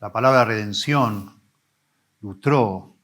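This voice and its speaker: A man, a pastor preaching an expository sermon, teaching with emphatic rises and soft low drops. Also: slow. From Argentina.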